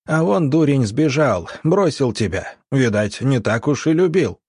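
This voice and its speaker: A man voicing a smug, scheming military doctor who wheedles and snarls, with a husky voice. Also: medium pitch, animated, a little slow, darkish tone, no room sound, clean studio sound, pitched above the performer's own voice. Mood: wheedling.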